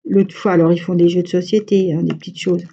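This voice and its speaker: A woman with a Franche-Comté French accent chats to her viewers and rambles from one detail to the next. Her voice is very dark and mellow, with a husky grain. The recording sounds dull and lo-fi. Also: fairly low pitch, level tone, quick pace. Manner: chatty, rambling storytelling. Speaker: crochet vlogger. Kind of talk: casual chat to viewers.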